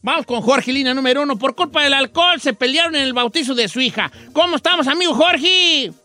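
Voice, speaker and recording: A man's voice: extremely high pitch, fairly quick, sharp tone, faint music behind, exaggerated voice. A man playing a cheeky old Mexican radio host with a Mexican accent, teasing his callers on a comic call-in show. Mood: playful. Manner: teasing, bursts of laughter.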